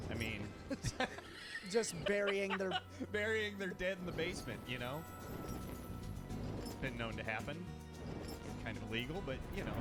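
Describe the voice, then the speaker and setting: A young man making wry, sarcastic asides in casual commentary on a game scene, with game music behind. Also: on the high side. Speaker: co-player, fan voice actor.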